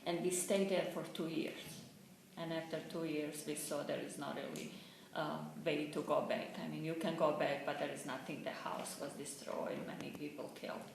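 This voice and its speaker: A Bosnian-accented woman with a low, flat, gravelly voice tells her story at a steady pace. She is recorded in a very echoey room with clear background noise. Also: moderate pace. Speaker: interviewee, former refugee. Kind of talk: personal account.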